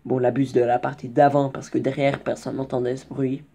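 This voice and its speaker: A man's voice: mid-range voice, flat delivery, fairly quick, vocal fry, mellow. A young man casually telling a story in slangy, rambling speech with many restarts and asides. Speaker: vlogger.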